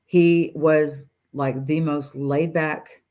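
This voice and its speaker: Her voice low and her pace very slow, a woman in her forties recounts her story as a video-call guest from a room at home. She keeps it casual and animated, acting out lines from her doctors and laughing between phrases.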